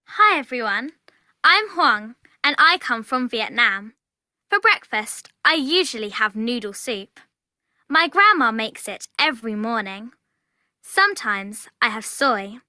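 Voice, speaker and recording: A very bright, bubbly girl. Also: fairly high pitch, a little slow, dry recording, studio quality, heavily acted. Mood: cheerful. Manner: bright, expressive textbook reading. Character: bubbly young girl describing breakfast. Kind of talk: scripted textbook audio.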